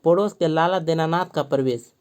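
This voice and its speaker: A woman teacher reading a play aloud for a class, going through the stage directions slowly and carefully. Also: deep voice, a little mellow.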